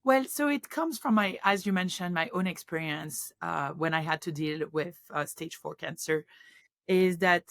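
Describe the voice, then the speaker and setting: A woman's voice: on the low side, moderate pace, creaky. Middle-aged woman on a video call. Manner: warm, earnest, with frequent fillers. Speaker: rheumatologist guest. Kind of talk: podcast interview.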